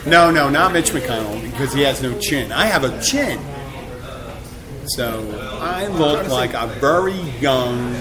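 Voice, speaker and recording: A man in his fifties hosting a casual chat, animated and joking as he rambles from one story to the next. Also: mid-range voice, measured pace. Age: 50s. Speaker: host. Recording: loud crowd chatter behind.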